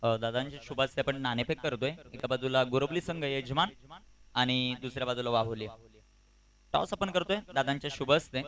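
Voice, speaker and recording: A man's voice: mid-range voice, fairly quick, fairly bright tone. A man making formal announcements as the toss presenter at a local cricket tournament.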